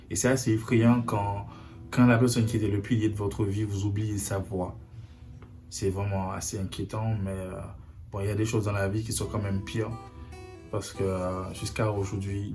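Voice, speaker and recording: A young man from Haiti speaking earnestly to camera in a personal video message, often repeating himself to drive his point home. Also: lowish voice. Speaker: vlogger. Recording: faint guitar music behind.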